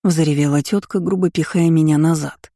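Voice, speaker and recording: A woman narrating a story in the first person, in a calm, measured, subdued way. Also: low voice, no echo, clean studio sound.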